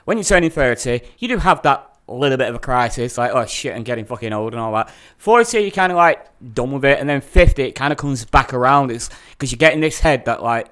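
A man's voice: medium pitch, animated, quick pace, few pauses, fairly bright tone. A man, co-hosting a podcast in casual chat, rambling and swearing a lot. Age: 30s. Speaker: podcast co-host.

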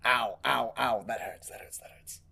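Man as wounded young male adventurer, tabletop game, lowish voice, very animated, sardonic, complaining. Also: fairly quick, heavily acted. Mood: exasperated, hurting. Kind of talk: tabletop role-play.

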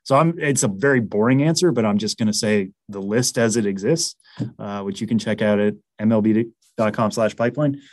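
A man's voice: lowish voice, fairly quick, no echo. A man with a Massachusetts accent, analyzing baseball prospects in a casual interview, chatty with lots of fillers and restarts.

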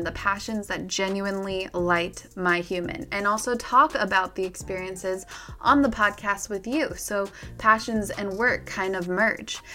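Bright and forceful, this podcast host's medium-pitched voice carries a reflective self-help monologue. She addresses her listener head-on with encouragement.

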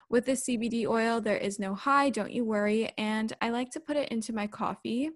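A woman in her twenties talking casually as the solo host of a podcast, chatting and reading sponsor spots. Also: a little high. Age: 20s.

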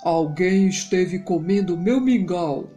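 A woman voicing a big, gruff papa bear in a children's story. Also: on the low side, animated, slow, warm tone, soft background music.

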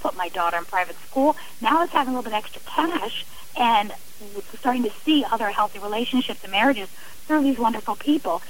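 Her voice a little high with lively intonation, a middle-aged woman speaks briskly as a radio interview guest sharing a personal account. She is heartfelt and earnest, restarting her sentences often. The audio is poor.

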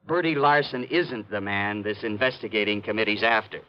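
Actor as a brusque old-time beat cop sergeant. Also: male voice, on the low side, normal speed, slight background noise, close to an everyday voice. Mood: irritated, lecturing. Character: gruff, bossy male police sergeant. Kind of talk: 1950s radio detective drama acting. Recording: dull vintage radio broadcast.

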